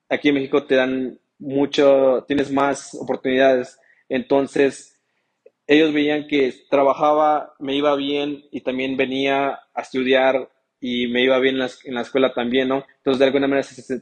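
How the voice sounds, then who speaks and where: Heard through a rough recording, a young US-raised man whose first language is English chats casually as an interview guest. His mid-level voice stays steady and flat, while his speech is hesitant, full of fillers and restarted sentences.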